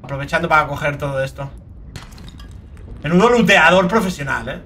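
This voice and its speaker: A young man with a Spain Spanish accent doing let's play commentary, excitable and swearing a lot, with sudden shrieking outbursts. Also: fairly high pitch, brisk. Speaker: gaming video creator.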